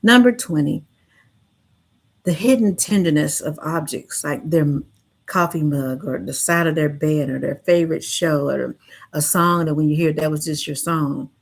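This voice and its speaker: A woman with a deep-set, low voice talks straight to her listeners as a livestream host. Her manner is earnest and gentle, offering reassurance the way a counselor would. The delivery is unscripted and heartfelt. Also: moderate pace, vocal fry. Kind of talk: heartfelt livestream talk to camera.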